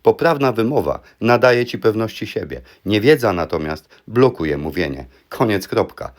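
A man's voice: on the low side, very animated, normal speed. A man teaching English pronunciation in a firm, emphatic scripted monologue, drilling word pairs one by one.

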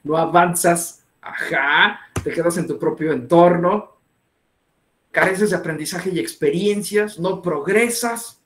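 High-pitched guy giving a webinar talk, lots of questions to the class. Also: measured pace, echoey room. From northern Mexico. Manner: animated, asks the audience many questions. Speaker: webinar speaker. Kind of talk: interactive online lecture.

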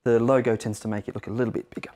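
Male product rep, 30s, conversational demo delivery, mid-pitched voice. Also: level tone, very fast, mellow. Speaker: product representative for a guitar amp brand. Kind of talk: casual product demo chat. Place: indoor guitar shop.

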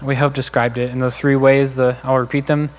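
A man's voice: mid-range voice, level tone, a little fast. A man preaching a sermon in a church, speaking earnestly and conversationally while working through numbered points. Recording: long church hall reverb.

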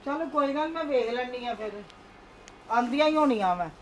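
Woman playing Manju, a quick soothing wife. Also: high voice, animated, low-quality recording. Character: calm wife making excuses for her daughters.

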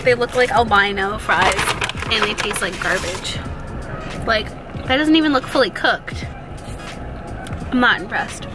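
A woman's voice: medium pitch, a little slow, long pauses, music in the background, rough recording. A young woman in her twenties vlogging casually with a camera at arm's length, blunt and sarcastic. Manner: blunt, sarcastic food critique. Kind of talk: casual vlog narration. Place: in a car, then outdoors at a hotel. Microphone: camera held at arm's length.

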